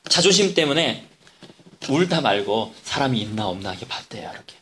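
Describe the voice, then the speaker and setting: A man preaching in a church, a pastor telling a story in an animated way with quoted dialogue. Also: mid-range voice, a little fast, a little hiss or hum. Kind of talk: sermon storytelling.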